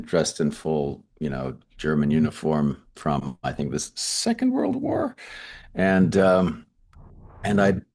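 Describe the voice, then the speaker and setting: A man, a voice actor being interviewed, telling lively anecdotes with frequent stammered restarts. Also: extremely low pitch. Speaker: voice actor guest. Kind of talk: interview storytelling.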